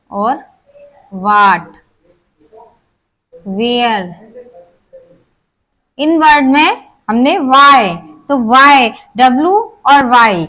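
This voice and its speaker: A woman's voice: high voice, fairly bright tone. A woman teaching English pronunciation rules, asking herself questions and answering them, spelling words out letter by letter.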